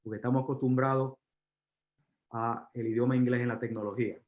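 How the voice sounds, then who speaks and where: A man from Puerto Rico with a Puerto Rican accent, giving a live university lecture, pausing on fillers and asking the audience questions. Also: mid-range voice, fairly even intonation. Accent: Puerto Rican Spanish. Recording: roomy, dull lecture recording.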